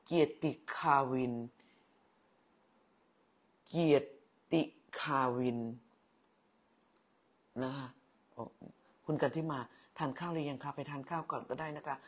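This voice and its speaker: ผู้หญิงวัยกลางคน อดีตครู คุยไลฟ์สดอ่านคอมเมนต์ผู้ชม พูดแบบแม่ๆ ชอบแซว พูดซ้ำคำ. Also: female voice, low voice, fairly even intonation, takes it slowly, pauses often, breathy edge. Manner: chatty, motherly, teasing, repeats words. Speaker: livestream host, former teacher. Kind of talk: casual live chat reading viewer comments.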